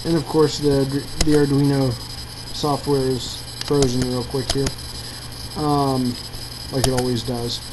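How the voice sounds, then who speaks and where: With an extremely low, unhurried voice, a hobbyist improvises a relaxed tour of her electronics project, pausing hesitantly to think out loud. The audio is clearly noisy and carries a steady mains hum.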